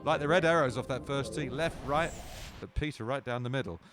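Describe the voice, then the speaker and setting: A man's voice: mid-range voice, brisk, music in the background. A man giving wry golf commentary with dry, playful understatement.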